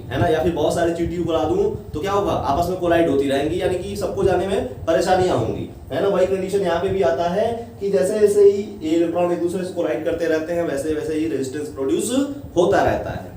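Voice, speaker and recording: A male physics teacher gives a lecture in a strongly echoing room, with his voice picked up from a distance over faint ambient noise. His voice sits a little high but sounds mellow and dark. He explains patiently and keeps checking that students follow. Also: fast, few pauses. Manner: explains step by step, keeps asking "है ना?". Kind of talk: classroom lecture.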